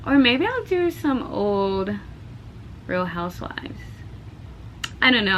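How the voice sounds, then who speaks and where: A chatty woman vlogger talks unhurriedly through her hair routine, with a fairly high voice. She makes teasing asides to her viewers and pokes fun at herself. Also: a bit bright, slight background noise, poor audio. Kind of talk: casual vlog chat.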